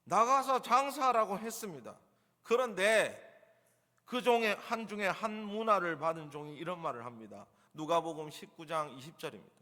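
Male pastor, bright and slightly high voice, preaches in a church hall with long reverb, acts out the quotes he reads. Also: normal speed. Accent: Gyeongsang dialect in acted asides. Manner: acts out quoted lines in lively, teasing voices. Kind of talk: sermon. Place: church sanctuary.

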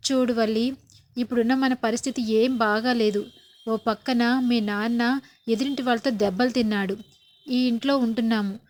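A scheming middle-aged mother, calm and cautioning, as a woman narrator puts her on. The voice sits a little high and stays close to the reader's own. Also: moderate pace, lightly acted.

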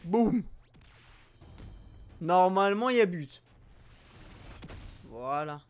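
Excitable man. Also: sits high, a little slow, soft background music. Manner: excitable, jokey, bursts into loud exclamations. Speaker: gaming YouTuber. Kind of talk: excited gameplay commentary.

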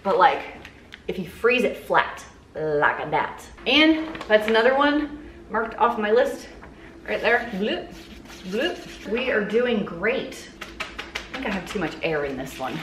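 A woman's voice: mid-range voice, animated, takes it slowly, fairly bright tone. A woman in her thirties chats upbeat and self-mocking as she preps meals in a home kitchen. The room rings with echo, and a faint noise sits under her voice. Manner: chatty, upbeat, self-joking asides. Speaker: cooking vlogger. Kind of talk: casual kitchen vlog talk. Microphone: camera on counter at mid distance.

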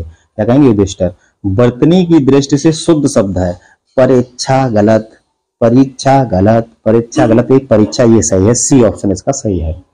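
A man's voice: medium pitch, dark tone, poor audio. A male teacher giving an exam-prep grammar lesson, explaining each answer step by step and answering his own questions. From India.

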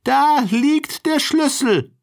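A man voicing a frail, bedridden old grandmother calling out in a very high voice. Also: animated, takes it slowly, vocal fry, full character voice.

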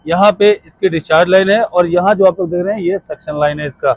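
A man's voice: sits high, fast, poor audio. A man in his thirties explains a screw chiller step by step outdoors on a rooftop, while a helper films on a phone. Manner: explains step by step, pointing at parts. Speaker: HVAC instructor. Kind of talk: hands-on technical explanation. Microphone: phone camera held by a helper.

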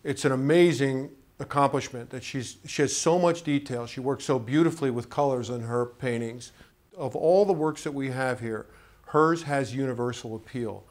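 A man's voice: medium pitch, moderate pace, a little mellow. Earnest middle-aged man in an office. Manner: earnest, admiring. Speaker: art collector. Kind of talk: documentary interview. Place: office, indoors.

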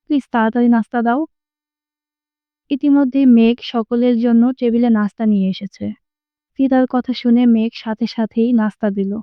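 Woman, storyteller, even soft narration, slightly high voice, smooth tone, dry and a bit dull sound. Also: normal speed, no echo. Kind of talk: audiobook narration.

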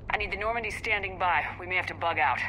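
An actress playing a brisk, authoritative, resolute female space commander in a video game. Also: on the low side, sharp tone, soft background music, poor audio.

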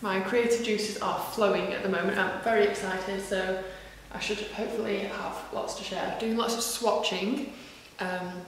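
A woman's voice: medium pitch, fairly even intonation, moderate pace, few pauses, slight background noise. Chatty woman in an echoey room. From northwest England. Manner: chatty, self-deprecating, many ums and asides. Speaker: knitwear designer vlogger. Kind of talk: casual chat to camera. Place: large echoey room in a house.

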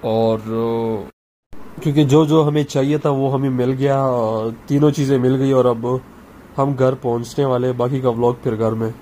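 Filming himself on a phone at arm's length, a young Pakistani vlogger walks through a busy outdoor market talking chattily to his viewers, sounding tired. His mid-range voice is steady and moderately paced, and the phone picks up loud street and traffic noise.

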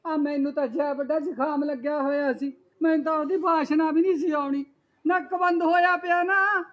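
A woman playing a scolding, suspicious older mother-in-law in a comic family sketch, shrill and nagging. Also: steady tone, moderate pace, no echo, dull audio, close to an everyday voice. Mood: complaining. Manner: shrill nagging, wailing complaints.

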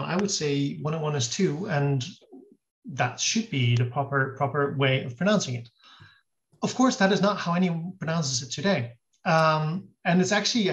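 Brief: man, guest scholar on a video call, higher-pitched voice, careful and explanatory, lo-fi sound. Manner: thoughtful, explains at length with restarts. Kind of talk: explanatory interview answers. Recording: dull lo-fi audio.

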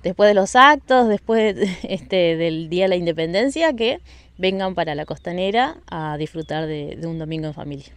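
An event organizer from Argentina, interviewed outdoors on a riverside beach, answers warmly and without hurry, often repeating words and using fillers as she restarts her thoughts. The interviewer holds the handheld mic; her low-leaning voice is clear and resonant, with lively intonation and no room sound.

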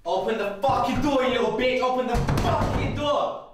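A man's voice: very high voice, moderate pace, music in the background. Echoey, volatile young man acted. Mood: enraged, threatening. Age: young adult. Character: volatile, controlling, jealous young abusive boyfriend. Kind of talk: naturalistic short-film acting. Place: stairwell and landing of a house. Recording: very echoey, distant, noisy indoor recording.

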